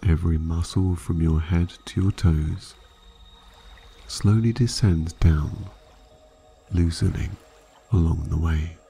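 A man narrating a guided sleep meditation like a sleep story narrator, calm, measured and hypnotic, with long pauses between phrases. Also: sits low, vocal fry, slight background noise. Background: soft music.

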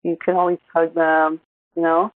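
A woman's voice: sits low, completely flat delivery, moderate pace, dry recording. A woman co-hosting a podcast, chatting casually and laughing easily. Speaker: podcast co-host. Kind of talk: casual chat. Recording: tinny phone-like line.

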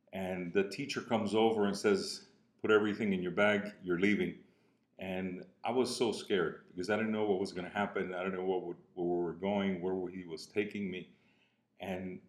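A Cuban man in his sixties, a business coach with a Cuban Spanish accent, earnestly shares a personal story, slowing down and softening whenever it turns emotional. His voice sits lowish, and the recording carries a roomy echo.

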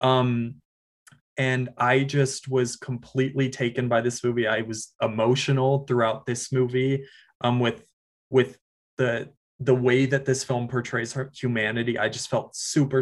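A man co-hosting a podcast as a film critic, earnestly enthusiastic and halting with fillers. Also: mid-range voice, little pitch movement. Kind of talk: casual film review chat.

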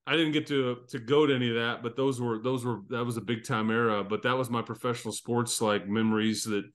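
A man's voice: medium pitch, steady tone, brisk. A man in his fifties hosting a casual sports podcast. He reminisces at length and keeps circling back to restart his stories. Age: 50s. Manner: rambling, reminiscing storyteller. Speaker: podcast host.

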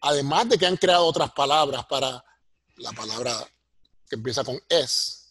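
Husky-voiced professor. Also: male voice, medium pitch, animated, normal speed, a bit bright, no echo, studio quality. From Puerto Rico. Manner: earnest, explanatory, asks "¿ve?" for agreement. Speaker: sociology professor, guest. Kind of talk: interview answer.

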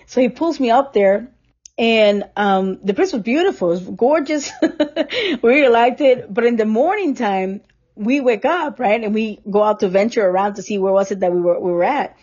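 A Costa Rican woman hosts a podcast, chatting casually as a storyteller who laughs often and acts out what others said. Her voice is fairly high-pitched with a darkish tone at normal speed. Recorded through a remote recording app, the audio sounds dull.

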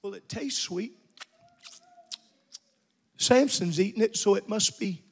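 Middle-aged preacher guy, really high voice, shouting sermon, long echo in the sanctuary. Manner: preaching with rising shouts and fast asides. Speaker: pastor. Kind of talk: evening sermon. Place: church sanctuary.

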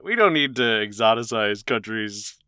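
A man's voice: lowish voice, expressive, moderate pace, sharp tone, smooth, no room sound, studio quality. A man co-hosting a podcast in casual chat, rambling through jokey stories and laughing often. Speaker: podcast co-host.

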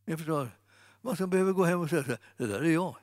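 A man giving an informal sermon, chatty and animated, speaking straight to his listeners. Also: on the high side, no echo, studio quality. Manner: conversational, animated, fillers and restarts, addresses audience. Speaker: preacher.

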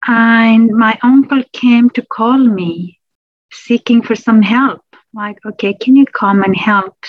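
A woman's voice: a little high, fairly even intonation, takes it slowly, dry recording. Woman from nepal telling her story, stops and restarts a lot, um's, muffled dry recording. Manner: reflective, with frequent restarts and "um"s. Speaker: public health lecturer, interview guest. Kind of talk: personal storytelling interview.

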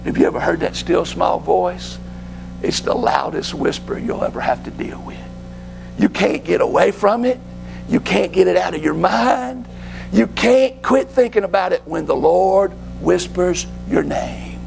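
Male preacher, fervent, high-pitched, very gravelly, for church sermon work. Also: unhurried, a little hiss or hum, rough recording. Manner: fervent, dropping to hushed whispers.

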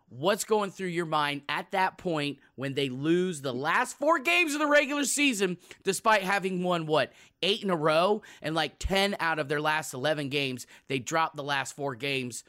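A man's voice: fairly high pitch, measured pace, bright, forceful tone, no echo, clean studio sound. A man hosting a sports podcast in a casual, emphatic and jokey conversational way.

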